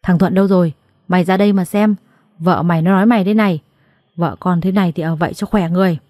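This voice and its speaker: A woman's voice: lowish voice, steady tone, warm tone, no echo, studio quality, lightly acted. A woman doing a barking, bullying old father-in-law. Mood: angry scolding. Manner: barking, fast and scolding. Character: angry bullying older father-in-law, man.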